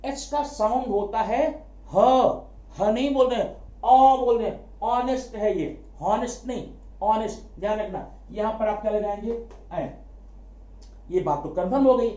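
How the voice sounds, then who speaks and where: A man teaching a grammar lesson, asking quick rhetorical questions, answering them himself and repeating key words for emphasis. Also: high voice, warm tone. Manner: addresses students familiarly as brother. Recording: echoey room, dull lo-fi sound.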